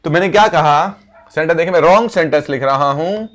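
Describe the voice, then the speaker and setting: A man teaching English vocabulary, repeating each word slowly as he writes it out. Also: on the high side, fairly bright tone. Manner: slow, repeats words while writing on board. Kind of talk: vocabulary lesson.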